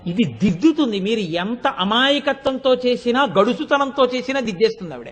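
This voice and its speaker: A man giving a devotional sermon, telling stories with lively expression and chanting sacred verses slowly. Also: very high-pitched, soft background music. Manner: animated storytelling, acting out quoted voices, chanting verses slowly. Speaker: spiritual discourse speaker.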